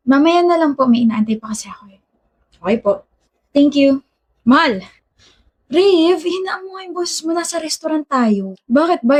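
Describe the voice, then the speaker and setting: A woman acting out a romantic skit, trading teasing, bickering lines. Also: sits high. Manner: teasing, bickering back-and-forth. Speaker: skit actor. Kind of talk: scripted romantic skit dialogue.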